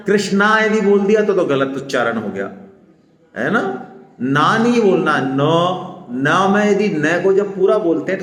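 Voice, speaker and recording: A man with a Rajasthani Hindi accent gives a Gita seminar talk, explaining patiently and often checking "है ना?" with his listeners. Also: a little high. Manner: explanatory, stresses syllables slowly, asks "है ना?" often. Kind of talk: religious discourse to a seminar audience. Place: seminar hall. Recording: echoey hall with long reverb.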